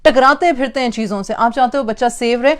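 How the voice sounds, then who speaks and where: A woman with a fairly high, smooth voice talks quickly, delivering a forceful lecture on parenting. She repeats phrases for emphasis and slips English words into her speech.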